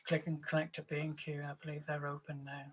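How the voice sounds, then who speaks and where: A woman hosting bingo, chatting casually and calling numbers in a deliberate, traditional rhyming style. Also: deep voice, completely flat delivery, husky. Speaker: bingo caller and host.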